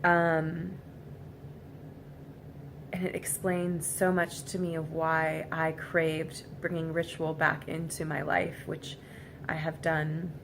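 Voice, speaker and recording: A woman gives a reflective personal vlog monologue, speaking casually and haltingly in an earnest, emotionally vulnerable way. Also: deep voice, little pitch movement. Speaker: vlogger. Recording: clearly noisy amateur recording.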